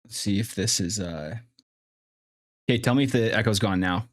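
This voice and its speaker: On a casual stream, a man with a lowish voice talks at normal speed, chatty and thinking aloud while adjusting his mic and audio setup. He's on a streaming mic with in-ear monitoring, with faint music in the background.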